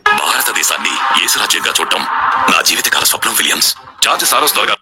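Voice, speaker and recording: A deep, rolling villain's voice, slow and grave, swinging widely in pitch. He plots over loud dramatic trailer music. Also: sing-song.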